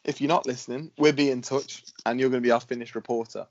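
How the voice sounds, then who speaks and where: A man's voice: mid-range voice, fairly even intonation, fast, darkish tone. A man co-hosting a podcast in casual chat, chatty and laughing often. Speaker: podcast co-host. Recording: slightly dull, dry recording.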